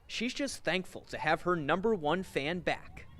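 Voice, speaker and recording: Lively male sports reporter narrating. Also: fairly high pitch, measured pace. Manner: lively storytelling delivery. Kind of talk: scripted news narration.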